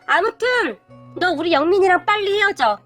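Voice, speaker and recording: A haughty rich mother with a high, piercing voice sneers and scolds with open scorn, as a woman storyteller puts her on. The voice is raised well above the reader's own, over faint background music, like a voiced storybook villain. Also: lively intonation, moderate pace. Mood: scornful. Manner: yelling, contemptuous. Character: snobbish rich middle-aged mother, haughty and shrill.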